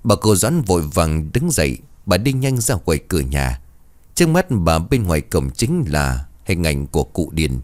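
Deep-voiced male ghost story narrator. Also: moderate pace, dry recording. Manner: expressive, dramatic storytelling.

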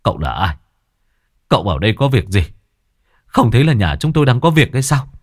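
A man's voice: mid-range voice, very animated, brisk. A man voicing a grieving father who bluntly challenges a stranger. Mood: hostile. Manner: guarded, confrontational. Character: grieving, stern father in mourning.

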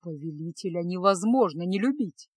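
A calm high priestess, played by a woman narrator, speaks in a hushed, lowered voice. She is soft but unbending and repeats herself with quiet firmness. The audiobook sound is dry and close. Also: normal speed, breathy edge, no room sound. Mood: firm. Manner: soft, low, firm.

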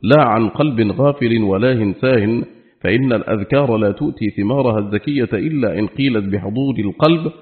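A man reading a religious book aloud in a formal, steady, measured recitation. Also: medium pitch. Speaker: audiobook reader. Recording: narrow phone-like audio.

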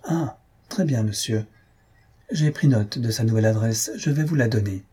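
A man's voice: mid-range voice, moderate pace, warm tone, breathy edge. A man voicing a polite middle-aged woman who keeps a fan shop. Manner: polite, inquiring.

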